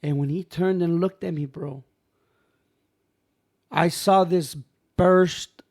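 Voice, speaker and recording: A man on a podcast telling a personal story in a casual, animated way, acting out the voices of people in it and dropping in "bro" and "man" often. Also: a little high, slow pace.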